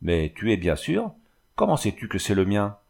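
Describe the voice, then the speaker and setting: A man's voice: lowish voice, wildly swooping pitch, moderate pace, creaky, a little mellow, heavily acted. A man voicing a curious, eager provincial wife of a notary in a storybook reading.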